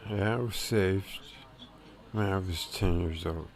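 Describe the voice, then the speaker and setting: A man hosting a casual live chat, speaking in a halting, rambling way with slightly thick-tongued speech from a swollen tongue. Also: sits low, creaky. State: swollen tongue, difficulty talking. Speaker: live stream host.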